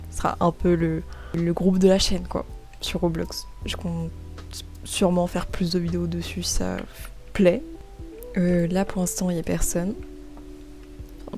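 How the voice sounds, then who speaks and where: A woman giving casual commentary while gaming and drawing, chatty and excitable, often stammering and repeating words, into a desk mic at home. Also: lowish voice, creaky. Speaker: gaming and art YouTuber. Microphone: desk microphone.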